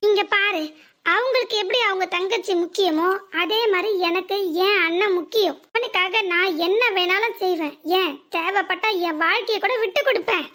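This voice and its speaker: A woman voicing a calm young married daughter in a cartoon serial, who lectures patiently with long strings of rhetorical questions. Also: extremely high pitch, normal speed. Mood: reasoning.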